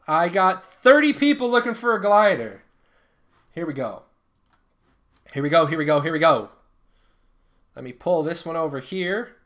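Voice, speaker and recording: A man's voice: on the high side, a bit bright. A man in his thirties hosting a live stream, chatting casually and joking with viewers while running giveaways. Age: 30s. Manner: joking, banters with chat.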